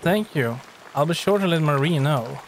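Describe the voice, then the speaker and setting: A man's voice: on the high side, animated, moderate pace, slight background noise. A man voicing a hospitable middle-aged male printer and artist in a game, reading the lines aloud plainly. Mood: friendly.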